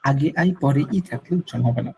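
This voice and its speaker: A man teaching an online French lesson, explaining slowly, repeating words and mixing in English. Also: medium pitch, gravelly, mellow.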